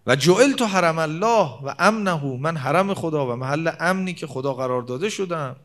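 A man preaching a religious sermon from the pulpit. He slows right down to quote scripture and swings between raised and hushed delivery. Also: fairly high pitch, animated.

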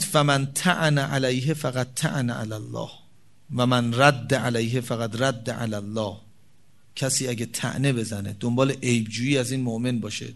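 A man preaching a sermon, reciting Arabic sayings slowly and explaining them in a conversational tone, swinging between loud emphatic peaks and soft low asides. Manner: quotes Arabic hadith slowly, then explains in colloquial Persian. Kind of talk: religious sermon.

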